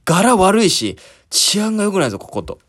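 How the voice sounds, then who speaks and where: A man's voice: high-pitched, sing-song, normal speed, fairly bright tone, breathy edge. A man hosting a podcast, telling a story in a casual monologue and acting out scenes with sound words. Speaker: podcast host.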